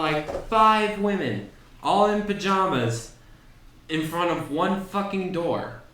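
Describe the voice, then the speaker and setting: A man's voice: mid-range voice, bright, forceful tone, distant mic, slight background noise. Swearing young guy in an echoey dorm room. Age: young adult. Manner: rambling, heavy swearing. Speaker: podcast co-host. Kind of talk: casual chat.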